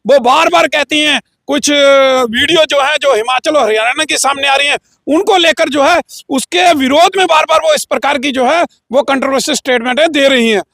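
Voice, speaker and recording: A man's voice: very high-pitched, normal speed, creaky, few pauses, fairly bright tone, no room sound, clean studio sound. A man as an interview guest giving a heated, combative political statement with frequent filler phrases. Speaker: interview guest, local group leader.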